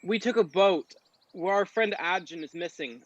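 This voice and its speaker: A man's voice: high voice, normal speed, dry recording, highs cut off. A man playing a tabletop game, cheeky and playful in character. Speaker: player.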